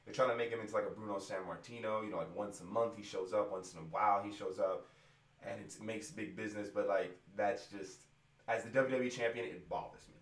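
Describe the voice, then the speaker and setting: A man's voice: lowish voice, steady tone, brisk, far from the mic. A young man going on a profane, exasperated rant about wrestling in a casual vlog. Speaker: rapper venting about wrestling. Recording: roomy echo, away from the mic.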